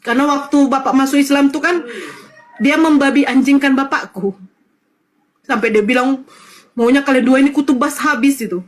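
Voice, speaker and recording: A woman with a high voice recounts a deeply personal story. Her speech is tearful and full of repetition as she relives prayers and family moments. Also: moderate pace, long pauses, poor audio. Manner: tearful, repeating phrases, quoting prayers and relatives. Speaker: convert sharing her testimony.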